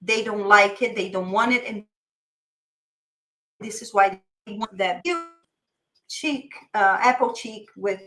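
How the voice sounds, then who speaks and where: An animated woman guest explains her breed over a video call, often starting over mid-sentence. Her audio comes through choppy from a weak internet line, and her pitch sits at an everyday middle. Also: slow, pauses often, soft background music, low-quality recording. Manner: animated, explains with many restarts. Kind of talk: casual online interview.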